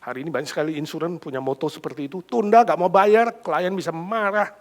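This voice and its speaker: High-voiced dramatic preacher man. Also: fast talker. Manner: dramatic, swinging between hushed and loud. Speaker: pastor. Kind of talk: sermon.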